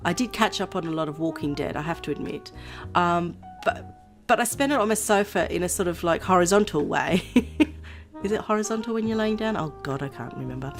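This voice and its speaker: A woman vlogger chatting casually to her viewers, her voice nasal and hoarse from a cold, rambling and laughing often. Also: lowish voice, animated, fairly quick, soft background music. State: voice going hoarse. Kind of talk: casual chat to camera.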